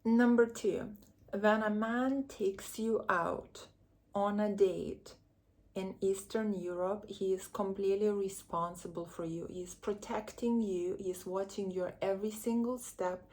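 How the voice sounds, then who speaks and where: A woman's voice: medium pitch, fairly even intonation, measured pace, darkish tone. A woman from Lithuania, a relationship coach giving earnest, chatty advice to camera and drawing on her own upbringing. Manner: earnest, chatty, candid with personal stories. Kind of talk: direct-to-camera advice vlog.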